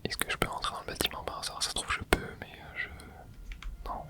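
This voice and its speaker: A video creator speaks in a steady, hushed whisper, as quiet as someone up late at night. The delivery is casual and rambling ASMR game commentary, thinking aloud close to the microphone. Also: fast talker.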